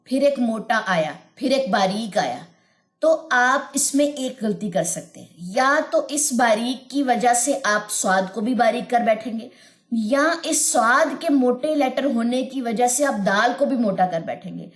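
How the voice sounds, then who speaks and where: Female tajweed teacher, higher voice, patient explainer who chants verses, roomy sound. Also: expressive. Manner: patient, repeats points, chants verses in a slow melodic recitation. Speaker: Quran recitation teacher. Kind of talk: tajweed lesson with chanted recitation.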